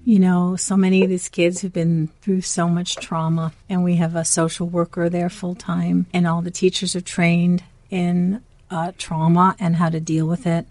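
A woman with a low, mellow voice speaks as an interview guest. Her delivery is flat and even as she explains things earnestly. The sound is dry and close. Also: normal speed, no echo. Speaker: foundation guest. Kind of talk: casual interview talk.

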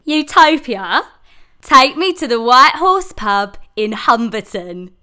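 A man's voice: very high voice, big pitch swings, slow, pushed and bright, pitched above the performer's own voice, heavily acted. A man voicing a young woman driver, nervous and hesitant. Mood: cheerful. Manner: breathy, hesitant, giggly.

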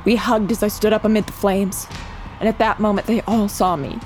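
A woman's voice: medium pitch, brisk, faint music behind, lightly acted. An actress playing a determined young woman who narrates her own ordeal in an audio drama and speaks with urgency in her scenes. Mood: calm narration. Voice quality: steady, earnest narration that turns urgent in dialogue. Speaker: first-person narrator and lead character.

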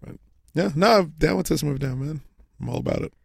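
A man's voice: fairly high pitch, lively intonation, fast, gravelly, no echo, studio quality. A man from Southern California co-hosting a podcast, chatting in a sarcastic, playful way. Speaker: podcast co-host. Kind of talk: casual chat.

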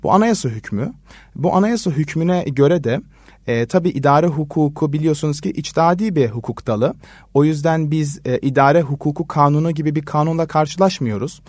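A man who is a law research assistant, answering interview questions in a measured way with many hesitation fillers. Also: a little high, a little mellow, dry recording, clean studio sound. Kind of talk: explanatory radio interview answers.

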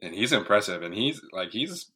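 A man's voice: on the low side, big pitch swings, normal speed, sharp tone, husky. A man hosting a sports podcast interview, asking questions in an upbeat, friendly way.

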